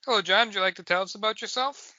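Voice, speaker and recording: Male podcast host, very bright and crisp voice, measured delivery, dry close sound. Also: high voice, dry recording, dull audio. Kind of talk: podcast interview hosting.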